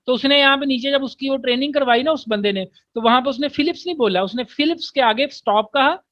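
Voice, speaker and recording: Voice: high-pitched, fairly bright tone, no echo. Patient teacher. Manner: reads English lines slowly, then explains them in everyday Urdu; patient, checks understanding often. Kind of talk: online class lecture.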